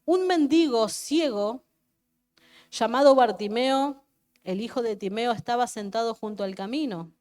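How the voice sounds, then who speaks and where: Argentine lady pastor preaching, fairly high voice, keeps repeating lines and checking in with the church. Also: unhurried, a little mellow. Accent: Argentine Spanish. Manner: fervent, repeats phrases, asks the congregation questions. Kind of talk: sermon. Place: church service.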